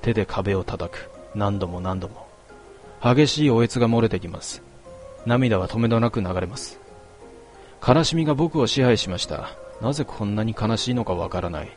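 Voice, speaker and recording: Low-voiced man narrating a story. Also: lively intonation, normal speed, a little mellow, faint music behind. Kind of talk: first-person story narration.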